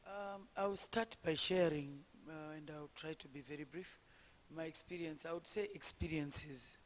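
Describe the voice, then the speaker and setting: A woman from Zimbabwe with a low voice that callers take for a man's, speaking as a politician on a panel. She talks in a measured way, pausing on fillers and restarting her sentences. A long reverb from the conference hall trails her voice. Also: slight background noise. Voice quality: low voice often taken for a man's. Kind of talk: personal account on a conference panel.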